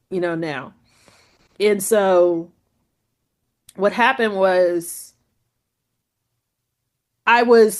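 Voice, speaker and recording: A woman tells her own story as an interview guest, relaxed and conversational. She fills her talk with "like" and "you know." When she quotes people, her pitch jumps up. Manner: chatty, full of "like" and "you know"; acts out quoted speech with lively pitch jumps. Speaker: guest photographer.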